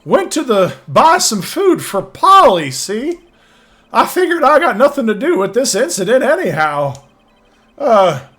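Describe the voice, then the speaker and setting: Crotchety old Appalachian prospector, loud and high. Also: male voice, heavily acted. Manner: crotchety old prospector drawl, folksy bad grammar. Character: crotchety old prospector witness, folksy, evasive. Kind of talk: old prospector character voice in a video game voice-over.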